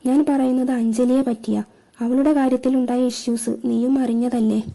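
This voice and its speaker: A woman voicing a guilty young man on the phone, hurried and apologetic. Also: high-pitched, steady tone, mellow.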